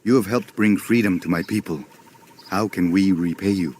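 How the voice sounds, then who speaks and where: An actor playing a proud, earnest South American revolutionary general in a video game, formal and commanding. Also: male voice, deep voice, moderate pace, darkish tone. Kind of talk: dramatic video game voice acting.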